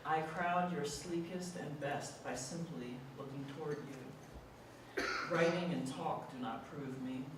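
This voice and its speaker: Slow poetry reader in an echoey hall. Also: medium pitch. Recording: echoey hall, mic far off, audible room noise.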